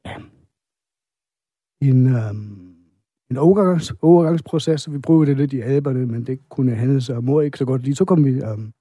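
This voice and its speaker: Soft-toned German man, hesitant. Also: mid-range voice, no echo, clean studio sound. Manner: hesitant, many fillers. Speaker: guest, visual artist. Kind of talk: casual interview chat.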